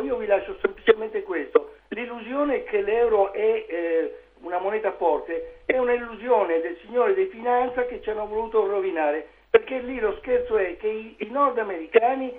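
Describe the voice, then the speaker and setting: A man calling in to a talk radio show on speakerphone, speaking in halting, earnest sentences with many restarts. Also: high-pitched. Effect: on speakerphone over a phone line. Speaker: radio call-in listener. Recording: tinny phone line.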